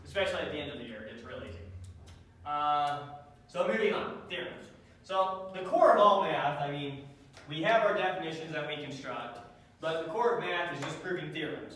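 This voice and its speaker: A man lectures a math class, throwing questions at the students and slipping in dry jokes. His voice sits a bit high for a man. The recording is taken from across an echoey classroom, distant and full of reverb. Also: expressive, a little fast, fairly bright tone, a little hiss or hum. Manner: dry joking, quizzes the class. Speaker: math teacher. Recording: echoey classroom taped from far off.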